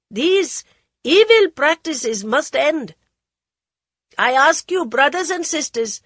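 A woman voicing a frail elderly male freedom leader who addresses a crowd with impassioned oratory in a high, nervous voice. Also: fairly bright tone, no room sound, exaggerated voice. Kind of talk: audiobook character voice.

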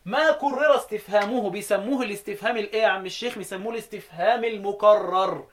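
Chanting lines of verse slowly and then explaining them, an Egyptian-accented teacher leads a Quran recitation class and puts questions to his students. He speaks in a high pitch, with slight background noise.

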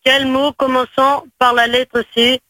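A man's voice: very high voice, little pitch movement, bright, forceful tone, dry recording, low-quality recording. A man from Portugal in a radio studio, stumbling and restarting as he reads a riddle aloud. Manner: stumbling, halting reading aloud. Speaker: studio guest reading a riddle.

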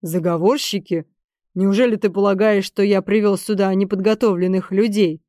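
Cool teasing male noble conspirator, read by a woman, calm unhurried delivery, mellow warm voice, dry recording. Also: mid-range voice, dry recording, lightly acted. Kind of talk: audiobook character reading.

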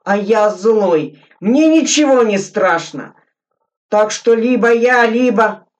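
A hardened young soldier bellows his defiance, voiced by a woman reader. The delivery is slow and weighty. The sound is dull and distant, as if taped from across a room. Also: on the high side, expressive, voice pushed up. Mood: furious. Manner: shouting, fierce and defiant. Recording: muffled, distant lo-fi recording.

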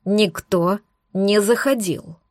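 A stern male werewolf boss, read by a woman narrator in an audiobook. He speaks in a dry, cold, clipped way, a little lower and quieter than the narration. The recording is close and dry. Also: sing-song, normal speed, dry recording.

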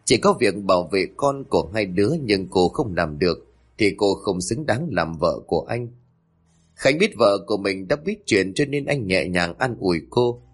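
Husky low-voiced male storyteller. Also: animated, moderate pace. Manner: dramatic storytelling. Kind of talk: scripted story narration.

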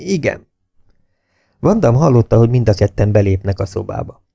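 A man narrating an audiobook in a steady, measured reading style. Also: fairly low pitch, gravelly, no room sound, dull audio.

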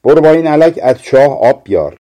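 A man's voice: medium pitch, lively intonation, mellow, natural voice. A man reading aloud, voicing a cruel, hunched old witch woman who gives harsh orders. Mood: bossy. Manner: harsh, commanding.

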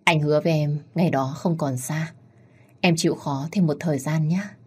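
A woman reading the lines of an anxious, protective young husband in a storybook tale, in a low husky voice. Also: normal speed, a little mellow. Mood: tender worried.

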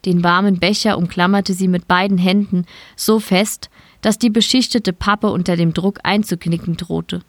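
A woman reading a short story aloud in calm, measured scripted narration. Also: fairly low pitch, dry recording. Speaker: story reader.

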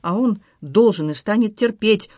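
An audiobook narrator reading a novel, even and unhurried. The voice is mid-pitched, and the recording is dry and close, with no room sound. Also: no room sound. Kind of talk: scripted narration.

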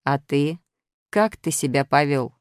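A woman voicing a stern, gruff male zero digit scolding in an audiobook. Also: low-pitched, animated, unhurried, no room sound, clean studio sound.

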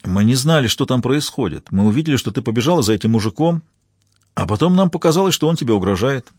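A man voicing a worried husband who speaks in a quiet, weary, halting way in an audiobook. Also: medium pitch, expressive, breathy edge, no echo, studio quality. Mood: defensive.

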